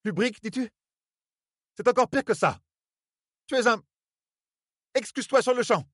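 Man putting on a scandalized older woman, storybook, shrill, indignant, husky edge. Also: expressive, normal speed, no echo, studio quality. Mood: outraged. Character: older woman, prim and outraged, easily scandalized.

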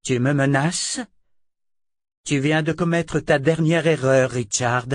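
A man's voice: expressive, brisk, slightly rough, no echo, clean studio sound. A man putting on a furious stern sister. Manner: shrill, scolding, contemptuous. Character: furious stern older woman, a domineering sister.

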